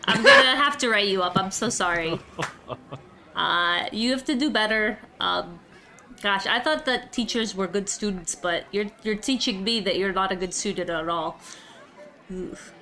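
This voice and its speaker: A woman's voice: mid-range voice, normal speed, bright, forceful tone, slight background noise. A woman playing a sassy, bossy eight-year-old in a tabletop game, with smug, blunt, childlike delivery. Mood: mock scolding.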